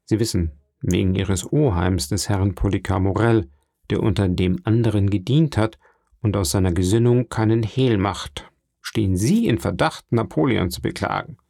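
Audiobook villain: man doing a cunning, insinuating schemer, low gravelly voice. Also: moderate pace, mellow, no echo, clean studio sound. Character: scheming, cunning adult male ship's accountant.

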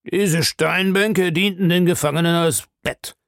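A male audiobook narrator voices a cruel old man who gloats with slow relish over past torments. The character's voice is higher than the narrator's own, with a gravelly crackle and a steady tone. The recording is close and dry, with no room sound.

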